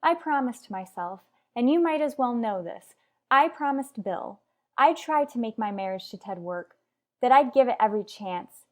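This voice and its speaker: A woman whose voice sits on the high side, with a darkish tone close to how she normally talks, speaks animatedly at a moderate pace. Playing a headstrong married mother in a radio soap, she lectures her rival emphatically, sounding firm and exasperated.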